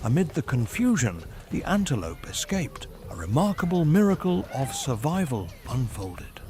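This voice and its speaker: A man reads scripted nature documentary narration in a measured, formal storytelling manner. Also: medium pitch, very animated. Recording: music behind the voice. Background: background music.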